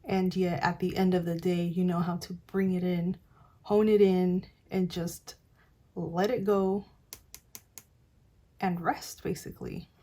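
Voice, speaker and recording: A woman's voice: fairly low pitch, little pitch movement, slow pace, pauses often, warm tone. A woman giving a casual, encouraging tarot reading to camera, chatty with many fillers. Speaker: tarot reader.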